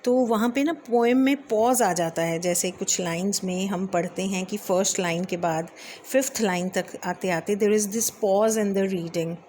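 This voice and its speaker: A woman's voice: mid-range voice, a little mellow, a little hiss or hum. A woman teacher giving a lecture, explaining step by step with many English terms and a few fillers. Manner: reads verse lines slowly. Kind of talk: Hindi lecture on English poetry.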